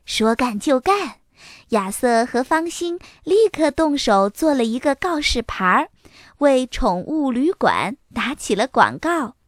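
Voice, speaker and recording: A woman reading a children's story aloud in an expressive storytelling manner. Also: high voice, unhurried, no echo, studio quality.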